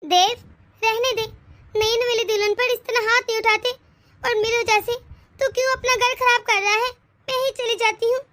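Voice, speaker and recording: A woman's voice: very high voice, fairly even intonation, normal speed, a bit bright. A woman voicing a scheming, bossy sister-in-law in a cartoon, taunting and sly. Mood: smug. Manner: taunting, sly, self-pitying. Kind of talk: cartoon voice acting.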